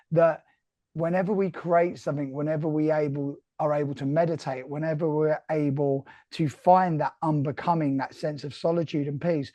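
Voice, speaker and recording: A man's voice: fairly high pitch, darkish tone, no room sound. A man with a Cockney accent hosting a live online interview, talking in an earnest, reflective way with many restarts. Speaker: host. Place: remote call.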